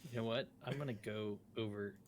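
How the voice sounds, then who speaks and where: A man's voice: lowish voice, steady tone, brisk. A man chatting casually as a player in a tabletop role-playing game. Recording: clearly noisy background with clicking.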